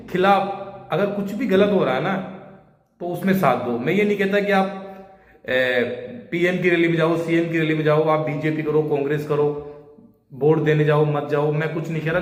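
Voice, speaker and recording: A man's voice: a little high, moderate pace. A man from India giving an urgent, pleading monologue to camera, full of rhetorical appeals. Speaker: social media creator. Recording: echoey room with long reverb.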